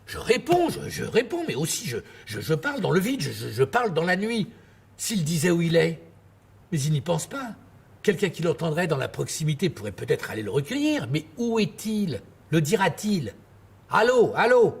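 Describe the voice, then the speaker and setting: A man's voice: on the high side, big pitch swings, normal speed, creaky, breathy edge, heavily acted. A man acting a tender, grandiloquent late-night radio host in a theatrical, lyrical manner, easily flustered. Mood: anxious, pitying. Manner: effusive, lyrical, repeating words when flustered. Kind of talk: theatrical stage monologue as radio sign-off.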